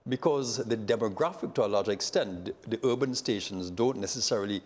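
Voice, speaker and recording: A man on a panel speaking in a relaxed way, chuckling and leaning on fillers. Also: fairly low pitch, fairly quick. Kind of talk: panel discussion.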